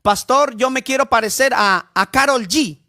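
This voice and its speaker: Brief: eager vain teen girl, put on by a man preaching, high register, sermon aside. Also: normal speed, sharp tone. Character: vain teenage girl copying a pop star.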